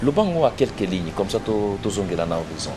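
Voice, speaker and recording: A man hosting an interview and asking halting questions with many fillers. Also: fairly low pitch, big pitch swings, background noise. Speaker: host.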